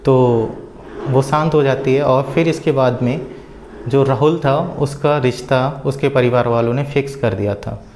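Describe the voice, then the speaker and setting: A man casually retelling a story out loud, with a rambling flow full of filler words and small hesitations. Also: medium pitch, normal speed, a little hiss or hum.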